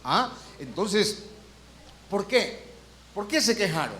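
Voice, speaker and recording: Preaching in church, this pastor has a high, sharp voice with big pitch swings. He poses frequent rhetorical questions to the congregation, mimics complaining voices in quotes, and slows and rises when he emphasizes Bible verses.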